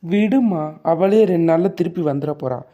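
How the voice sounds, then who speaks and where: Brief: man voicing a curt, dismissive elder brother, dark mellow tone, cartoon drama. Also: a little high, normal speed, dull audio, close to an everyday voice.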